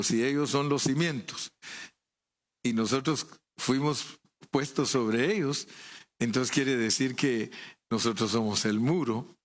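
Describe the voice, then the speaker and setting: Guatemalan guy preaching a sermon, easygoing, keeps asking the congregation stuff. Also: medium pitch. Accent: Guatemalan Spanish. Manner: conversational, asks the congregation rhetorical questions.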